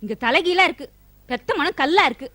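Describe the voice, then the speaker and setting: A woman's voice: sits high, expressive, brisk, sharp tone, no echo. An actress playing a young wife and doting new mother who chides her husband and gives him firm instructions in a stage comedy. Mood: chiding. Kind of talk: Tamil stage comedy acting.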